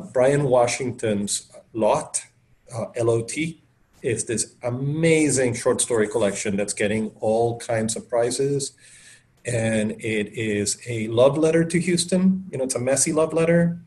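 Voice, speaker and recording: This middle-aged Colombian man is an author appearing as a guest over a video call. His lowish voice has a darkish tone, and he talks casually, enthusiastic and rambling with lots of fillers.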